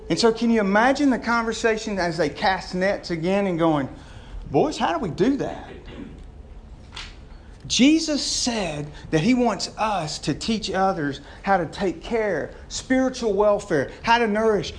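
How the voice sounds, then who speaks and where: A man's voice: high-pitched, animated, normal speed, hardly any pauses, a little hiss or hum. A man preaching an informal, conversational sermon, folksy in his wording and often putting questions to his listeners. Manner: folksy, addresses listeners as gang, boys and y'all.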